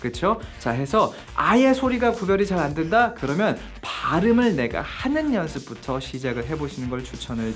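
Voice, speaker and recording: Lively English teacher explaining to viewers. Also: medium pitch. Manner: explains step by step, poses questions to viewers. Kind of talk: video English lesson.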